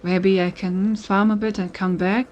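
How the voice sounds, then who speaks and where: In a lo-fi recording with some hiss or hum, a woman with a medium-pitched, darkish voice streams a game and chats casually about it. She speaks unhurriedly in a level tone, thinking aloud and reading what appears on screen.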